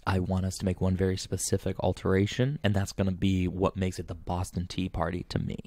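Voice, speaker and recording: Rambling young man, low mellow voice. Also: brisk, no room sound. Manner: rambling, animated, filler-heavy. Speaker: podcast co-host. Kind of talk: casual chat.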